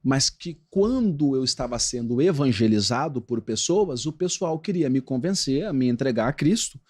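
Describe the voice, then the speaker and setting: Brazilian male pastor, podcast guest, preaching rhythm, mid pitch. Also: moderate pace. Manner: animated preaching cadence. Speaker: pastor and former footballer. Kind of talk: podcast interview.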